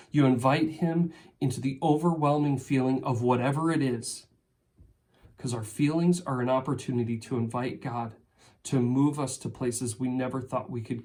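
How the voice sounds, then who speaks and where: A man preaching a sermon as pastor, earnest and emphatic, often dropping to a soft, quiet voice and voicing heartfelt prayers. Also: medium pitch, steady tone, moderate pace. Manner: acts out heartfelt prayers in first person.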